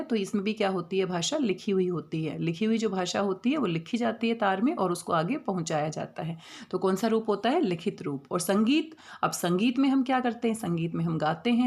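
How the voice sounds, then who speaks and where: A woman's voice: medium pitch, a little mellow. A woman teaching a grammar lesson to children, asking questions and answering them herself, and spelling words out syllable by syllable. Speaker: Hindi teacher. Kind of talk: classroom lesson.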